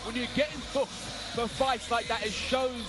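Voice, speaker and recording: A man calls a fight as lead commentator, his voice pitched very high for a male. He delivers live broadcast commentary over loud background music. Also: fairly even intonation, unhurried.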